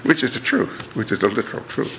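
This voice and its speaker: This reflective lecture comes from a middle-aged man with a mid-range, sing-song voice and vocal fry, talking fast and earnestly to an audience. He restarts phrases and says "you know" a lot. Background noise fills the dull, lo-fi recording from a reverberant hall.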